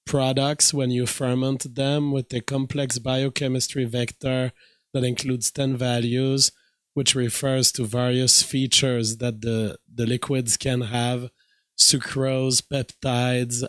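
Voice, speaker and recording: Guy w a weak voice explaining his game project, kinda halting, casual screen tutorial, mid pitch, very dry sound. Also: clear, resonant tone, no echo. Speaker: streamer and hobby game programmer.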